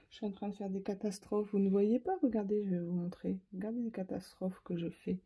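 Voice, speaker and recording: Brisk and mellow, this woman speaks in a mid-range voice with fairly even intonation, and a faint hiss or hum runs underneath. While crafting on camera, she chats right at her audience, teasing herself and laughing lightly in a relaxed demonstration.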